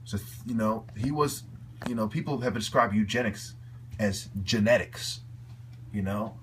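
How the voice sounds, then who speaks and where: A man's voice: fairly low pitch, a little slow, a little hiss or hum. A man giving an angry, profane video rant, heated and repetitive in his delivery. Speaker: video commentator.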